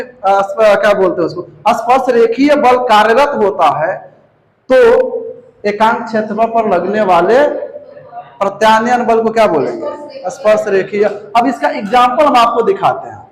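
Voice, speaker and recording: High-voiced male physics teacher, echoey room. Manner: repeats key terms and quizzes students with questions; calls students "babu". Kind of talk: classroom lecture.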